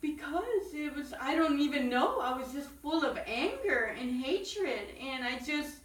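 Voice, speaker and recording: A young woman giving a halting personal testimony with many fillers, recorded from a distance in an echoey room. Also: sits high, expressive. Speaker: ministry program resident. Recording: echoey room, mic far off, faint noise.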